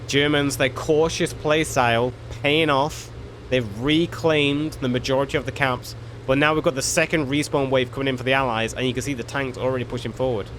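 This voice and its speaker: A man's voice: medium pitch, steady tone, brisk, a little hiss or hum. A man giving laid-back, chatty commentary on a multiplayer war game, swearing now and then. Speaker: gameplay commentator. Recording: loud game gunfire and vehicles behind.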